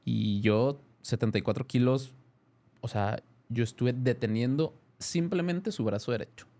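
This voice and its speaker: A man in his thirties with a Mexican accent, speaking at medium pitch and a measured pace, is a guest in a casual interview. He tells a story animatedly, often restarting and correcting himself.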